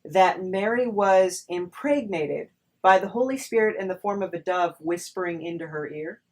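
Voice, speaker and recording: A podcast host with a lowish, darkish voice chats casually in an interview at a moderate pace. Her way of talking is hesitant and wry.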